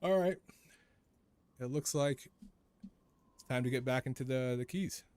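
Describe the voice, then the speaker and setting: A man's voice: mid-range voice, unhurried, a little mellow, clear, resonant tone. A man streaming a video game, chatting casually as he plays and often repeating his own phrases. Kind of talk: casual live gameplay commentary.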